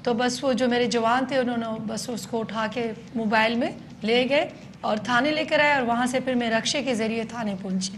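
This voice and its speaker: A woman police station chief giving a news interview, explaining in detail with frequent hesitant pauses. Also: a little high, fairly even intonation, a little hiss or hum.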